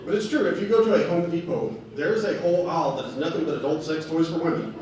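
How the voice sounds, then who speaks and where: A man doing a stand-up comedy set in a bar, telling stories with deadpan delivery. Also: fairly high pitch, fast. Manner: deadpan storytelling with acted quotes. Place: bar stage with laughing audience. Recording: echoey bar room from far off, noisy.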